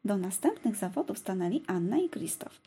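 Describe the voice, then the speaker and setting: A woman reads a children's storybook aloud in a gentle, lively way. Her voice is very husky and dark, with a gravelly fry, and her pitch moves about a lot. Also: brisk. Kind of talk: storybook narration.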